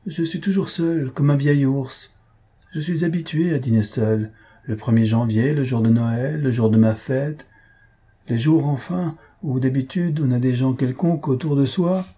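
A man voicing a lonely, kind country gentleman who grumbles and reproaches his friend. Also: medium pitch, normal speed, slightly rough. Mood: grumbling.

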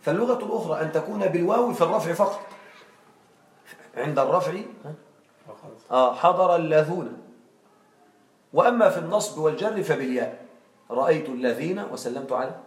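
Man, teacher, slightly high voice, classroom grammar lesson, quizzing students, roomy echo, distant mic. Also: animated, fast talker, long pauses. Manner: quizzing students with frequent check questions. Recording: echoey room, far from mic.

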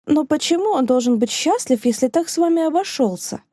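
A fiery young woman from a storybook, put on by a female audiobook narrator, sharp and bitter in her outbursts. Her voice sits well above the reader's usual pitch, with a mellow, dark tone and a dry, close sound. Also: lively intonation, moderate pace, husky, dry recording. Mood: bitter, indignant. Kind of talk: audiobook dialogue reading.

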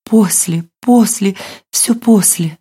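Woman narrator doing a desperate young woman in a storybook, higher voice, urgent, half-whispered pleas. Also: slow, dark tone, slightly rough, exaggerated voice. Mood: desperate pleading. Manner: breathless urgent pleading, partly whispered. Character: frightened young woman fugitive, pleading.

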